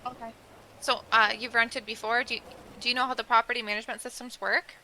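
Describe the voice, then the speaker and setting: A woman playing a realtor in a roleplay game, businesslike and brisk. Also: on the high side, little pitch movement, sharp tone, a little hiss or hum, poor audio. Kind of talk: in-character roleplay chat.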